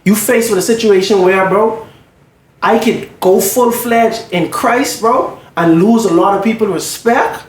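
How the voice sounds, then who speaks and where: A high-voiced man, a music entertainer appearing on a podcast, talks casually about faith and shares personal stories. His slangy speech is full of "bro" and check-in phrases, delivered at a measured pace. The room sounds echoey, with faint background noise.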